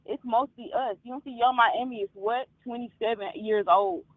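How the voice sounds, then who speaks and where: A woman in her twenties, calling in to a live talk show and speaking candidly, often halting and trailing off. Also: on the high side, fairly even intonation, dry recording. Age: 20s. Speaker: caller. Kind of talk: call-in talk. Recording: tinny phone line.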